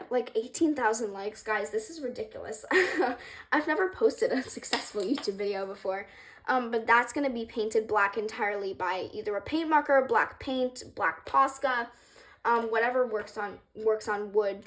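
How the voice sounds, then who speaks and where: Rambling young woman with many ums. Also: fairly high pitch. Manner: rambling, hesitant, many ums, self-deprecating. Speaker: craft creator. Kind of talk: casual tutorial vlog. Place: room with wooden floor, indoors.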